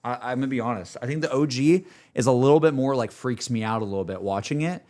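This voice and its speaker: A streamer reacts to game cutscenes with casual, slangy commentary, hedging his opinions as he goes, while music plays behind him. His voice is mid-range and a little mellow, and he talks fast.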